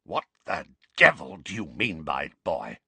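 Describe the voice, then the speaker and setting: A man playing a croaky, furious blustering uncle. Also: medium pitch, big pitch swings, unhurried, fairly bright tone, dry recording, voice pushed up, heavily acted. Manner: croaky, trembling with fury. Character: blustering stout middle-aged uncle, furious.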